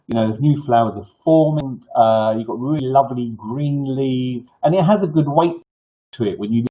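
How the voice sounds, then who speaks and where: An older man with toothless, slightly slurred articulation gives informal live advice as a clinic host, in a halting, rambling way with false starts and repetitions. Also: mid-range voice, breathy edge. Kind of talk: informal live advice, answering viewer questions. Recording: dull, lo-fi sound.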